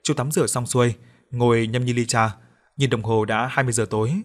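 A man's voice: medium pitch, fairly even intonation, a little fast. A man steadily narrating a spooky story as a scripted audiobook reading.

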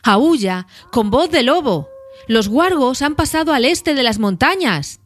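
A woman's voice: on the low side, normal speed, a little mellow, lightly acted. A woman voicing Aragorn, a weathered and watchful ranger, solemn in tone. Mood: urgent.

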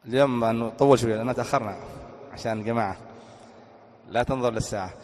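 A man's voice: mid-range voice, steady tone, fast talker, darkish tone. A man from Yemen giving an Arabic grammar lesson, quizzing his students and repeating key words as he teaches. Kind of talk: classroom lecture with questions to students. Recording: long reverberant hall.

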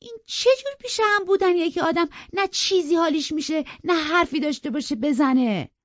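A woman's voice: expressive, dark tone, no room sound, dull audio, close to an everyday voice. Woman doing a petulant, scolding young Catherine. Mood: exasperated. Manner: high, exasperated and scolding.

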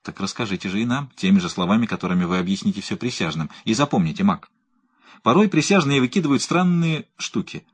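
A man's voice: lowish voice, animated, fast, slightly rough. A man reading the part of a skeptical, questioning male lawyer in an audiobook. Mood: wary. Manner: doubtful, questioning.

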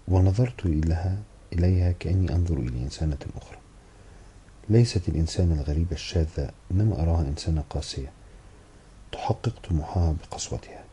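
A man narrating a novel in the first person with a steady, brisk literary reading. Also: deep voice, a little hiss or hum. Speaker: audiobook narrator.

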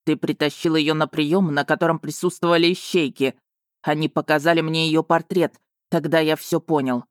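A reader playing a werewolf companion from an audiobook, blunt and touchy, his gruff delivery sitting at a middling pitch. the voice is dry and close, with no room around it, and he bristles quickly. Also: steady tone, no echo, close to an everyday voice. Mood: indignant. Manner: gruff, growling at times. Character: blunt male werewolf, loyal, easily riled. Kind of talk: audiobook character reading.

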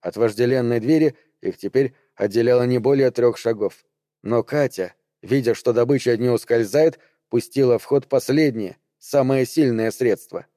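A male narrator with a dark, mellow voice reads a novel in a measured, even way. The sound is dry and close, with no room around it, and the pitch sits in a middle range. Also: no echo. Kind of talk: scripted audiobook narration.

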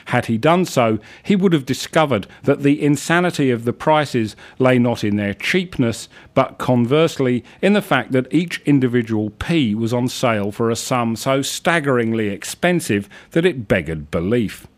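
A man's voice: medium pitch, expressive, moderate pace, hardly any pauses. A man hosting a radio show, reading his own whimsical stories in a dry, droll manner, with hesitant asides between pieces. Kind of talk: deadpan literary narration and reading.

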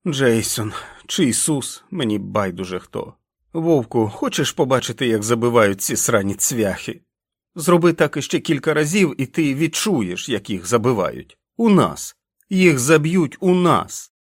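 A man reading the part of a furious, exhausted boy who shouts himself hoarse in the rain, in a storybook reading. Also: mid-range voice, moderate pace, dry recording, studio quality, close to an everyday voice. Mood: furious shouting. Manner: shouting, frantic.

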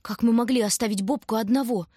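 A woman's voice: fairly high pitch, fast, dark tone, breathy edge, no room sound, clean studio sound, pitched above the performer's own voice. A woman voicing a frightened, fierce young girl in wartime, crying out desperately in an audiobook. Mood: urgent. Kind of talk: audiobook character voice.

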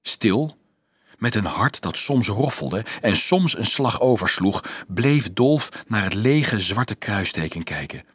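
A man reading a novel aloud in a calm, measured narration. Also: fairly low pitch, slightly rough, dry recording. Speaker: audiobook narrator. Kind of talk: scripted narration.

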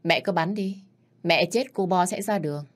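A woman reading the lines of a cold, ruthless young man who heads for control of a crime family, with calm, mocking menace. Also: fairly low pitch, normal speed, lightly acted.

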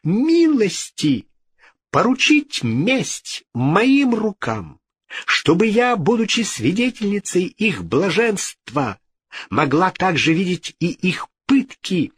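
A man's voice: medium pitch, big pitch swings, slow, a bit bright, husky, no echo, clean studio sound, full character voice. A male reader voicing a vengeful royal woman who threatens in a rising fury. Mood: furious. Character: vengeful, furious royal woman, queen's sister.

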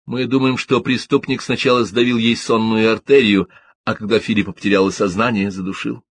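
A man's voice: fairly low pitch, little pitch movement, a little fast, slightly rough. A man reading an audiobook, voicing a woman detective who questions in a sweet, insinuating voice. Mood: sweetly probing. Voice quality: honeyed, insinuating.

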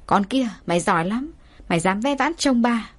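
Woman voicing a vicious, shrill middle-aged wife, scolding and threatening. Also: animated, moderate pace. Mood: furious scolding.

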